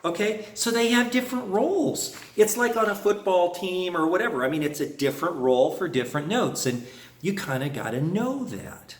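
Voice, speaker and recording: A man's voice: sits high, lively intonation, normal speed, roomy sound. A man teaching a harmonica lesson in a folksy way, humming phrases on "na" to show them. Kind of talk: music lesson explanation.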